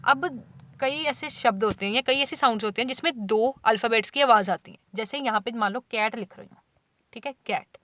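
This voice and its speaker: Patient woman tutor, fairly high voice. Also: fairly quick, fairly bright tone, no room sound. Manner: explains patiently, repeats "ठीक है" often, sounds out example words. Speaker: teacher. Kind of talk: whiteboard lecture in Hindi with English terms.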